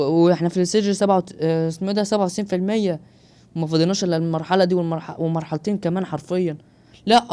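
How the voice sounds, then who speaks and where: In a high, mellow voice, a young man with an Egyptian Arabic accent provides live gameplay commentary as a gaming YouTuber, full of exclamations and jokes aimed at his viewers.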